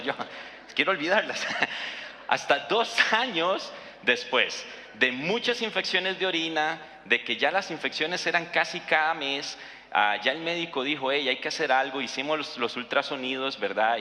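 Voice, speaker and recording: A man's voice: medium pitch, sharp tone, reverberant, big-room sound. A man, preaching conversationally and telling a family story, with fillers and tag questions. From Costa Rica. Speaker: pastor. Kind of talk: sermon with personal story.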